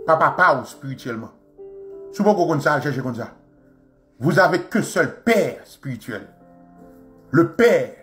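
A man with a Haitian Creole accent, hosting a show and delivering an impassioned, mocking monologue. He repeats phrases and swings between loud outbursts and low asides. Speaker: radio show host.

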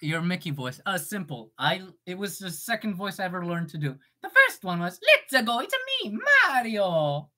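A woman's voice: lowish voice, big pitch swings, brisk, few pauses, pushed and bright. A woman voice actor chatting casually on a livestream, playful and jokey with frequent swearing. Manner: playful, jokey and profane, slipping into silly voices. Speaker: voice actor streaming.

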